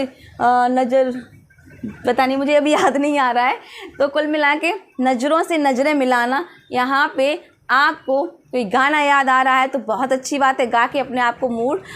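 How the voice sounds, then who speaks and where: A woman's voice: high-pitched, fairly bright tone. A young woman vlogger giving earnest, coaching advice on interview preparation in a casual way. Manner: earnest, coaching, often asks "है ना?".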